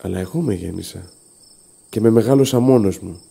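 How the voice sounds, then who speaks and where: An actor playing a gentle father and lifelong wanderer in an audio drama, speaking calmly and slowly in a confiding way. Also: fairly low pitch, vocal fry, slightly rough, full character voice. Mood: wistful.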